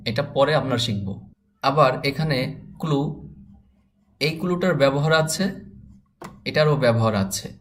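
A man from Bangladesh teaching English phonics, spelling out letters slowly and then saying each word. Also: medium pitch. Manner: slow, spells out letters then says words. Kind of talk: spoken phonics lesson.

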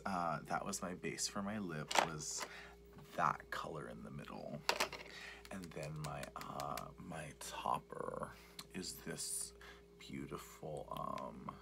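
A young man murmurs and whispers through campy, rambling ASMR in a very low, gravelly voice. He repeats himself on purpose, soft and breathy. The home recording is very noisy, with clicks and tapping. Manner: rambling, deliberately repetitive, campy. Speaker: ASMR makeup vlogger. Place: small cluttered room indoors.

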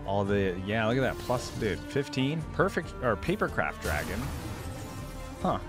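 With a lowish, sing-song voice at a slightly slow pace, a young man hosts a reaction video, commenting casually and frequently reading text aloud. He sits at an indoor gaming setup close to a desk mic, with game video music in the background.

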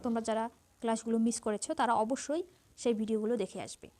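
A woman's voice: on the high side, fairly even intonation, fast talker, warm tone. A woman teacher with a Bangladeshi Bengali accent, steadily reading out numbered quiz questions and explaining each answer. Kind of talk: exam-prep lesson, reading quiz answers.

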